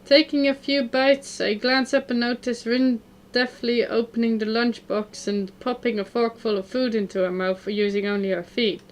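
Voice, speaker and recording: A woman's voice: fairly high pitch, steady tone, moderate pace, few pauses, faint music behind, natural voice. A woman reading an awkward, thoughtful teenage boy. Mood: reflective.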